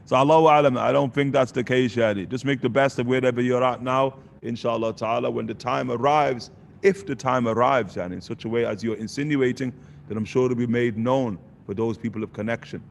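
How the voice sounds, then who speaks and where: Gravelly man teaching casually. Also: mid-range voice, brisk, slight background noise. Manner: conversational, sprinkles Arabic phrases, asks "you get the point?". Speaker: religious teacher. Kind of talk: casual question-and-answer lesson.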